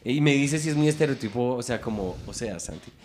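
A man's voice: mid-range voice, a little fast, a crowd in the background. A man with a Bogotá Colombian accent, telling a story in a casual comedy chat and slipping into mimicked accents. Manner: animated storyteller who slips into mimicked accents. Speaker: podcast host.

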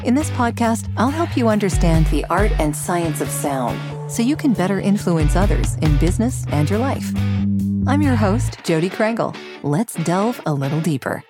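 A woman's voice: on the low side, very animated, normal speed, over loud music. A woman hosting a podcast interview, who laughs easily and speaks appreciatively. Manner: warm, laughs often, appreciative. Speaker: podcast host.

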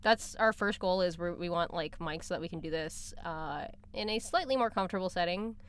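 A woman's voice: fairly low pitch, a little fast, clear, resonant tone. A woman co-hosting a podcast, chatting casually into a studio microphone in a library, with lots of restarts and laughs. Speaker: podcast co-host. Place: library recording room.

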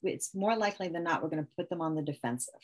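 Mom-type guest, lower register, conversational; thinks aloud with restarts and acts out sample lines to a kid. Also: female voice, animated, quick pace. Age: adult parent. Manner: talks through ideas with many restarts and quoted one-liners. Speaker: parenting expert guest. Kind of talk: conversational explanation with acted example phrases.

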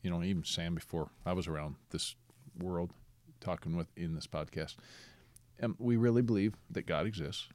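Very deep-voiced man on a podcast. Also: normal speed, a little mellow, no echo. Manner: questioning, interjects with short affirmations. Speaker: podcast co-host. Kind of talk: casual conversational podcast discussion.

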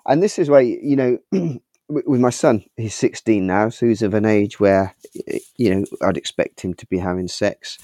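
A man's voice: on the low side, normal speed, dark tone, no echo, studio quality. A middle-aged father talking earnestly and reflectively in a casual podcast chat. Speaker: co-host, father.

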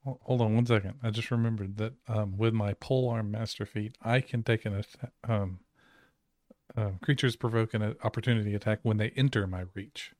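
Hesitant low-voiced man playing a game. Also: fairly even intonation, fairly quick, darkish tone, no room sound, clean studio sound. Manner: hesitant, lots of ums. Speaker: player. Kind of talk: casual tabletop game chat.

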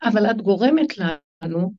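With a lively, slightly mellow voice, a woman teaching religion lectures her class on spiritual matters. She tells stories with emphasis and plays their characters, her voice jumping suddenly high. The recording sounds dull and lo-fi.

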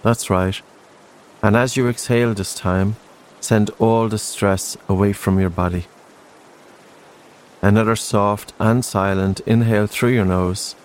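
A man narrating a guided relaxation in a slow, soothing sleep-story manner, gentle and unhurried, with spaced-out phrases. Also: fairly low pitch, steady tone, a little hiss or hum.

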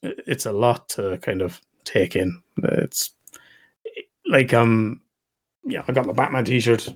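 A man's voice: medium pitch, slow, slightly rough. Chatty man, casual swearing. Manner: chatty, swears casually, repeats words, laughs along. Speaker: therapist and podcast guest. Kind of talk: casual storytelling chat.

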